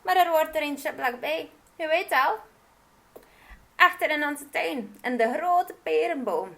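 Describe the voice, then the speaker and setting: A fretful fairy-tale queen pleads and hesitates, as a woman reading aloud puts her on. Her voice rises and falls with a slight gravelly texture. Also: high-pitched, animated, a little slow, fairly bright tone, voice pushed up, full character voice. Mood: coaxing. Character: fretful young queen longing for a child.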